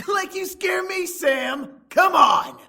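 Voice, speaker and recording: A sneering, cackling game villain, delivering a shouted villain monologue. The voice is high and gravelly, with a sharp edge, stretching the taunts out slowly. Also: male voice, exaggerated voice. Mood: taunting. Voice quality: raspy, gravelly. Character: cocky menacing male villain, sneering and cackling. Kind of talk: video game voice acting.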